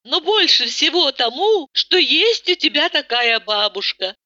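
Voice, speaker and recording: A woman's voice: high voice, very animated, measured pace, pushed and bright, dry recording, pitched above the performer's own voice, full character voice. A woman voicing a bored, tearful rich young wife who whines and sighs theatrically about her empty life, in a dull, muffled audiobook recording. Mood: gushing. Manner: plaintive, sighing, theatrical.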